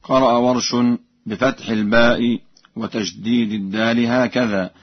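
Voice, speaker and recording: A man teaching Quran reading variants, explaining calmly and chanting the verses slowly as examples. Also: medium pitch, husky, no echo, lo-fi sound. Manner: measured explanation broken by slow chanted verses.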